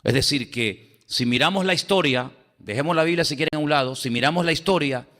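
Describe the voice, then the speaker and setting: A man preaches to his congregation in a church, retelling Bible scenes with animated voices for the characters. His voice sits a little high and rings very bright and forward. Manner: animated storytelling, acting out the king and Daniel. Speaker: pastor. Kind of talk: sermon.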